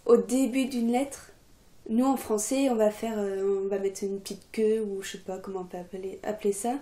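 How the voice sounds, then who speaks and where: A young adult woman giving a casual video lesson, relaxed and chatty with many fillers. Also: mid-range voice, normal speed, roomy sound. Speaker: Russian teacher, channel coordinator.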